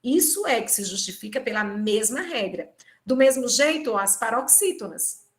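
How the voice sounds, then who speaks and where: A woman with a Brazilian Portuguese accent, her voice fairly high with lively intonation at normal speed, teaches a live online exam-prep class. She works through each step and checks in with tag questions. She is on a computer microphone in a video conference from a home or office.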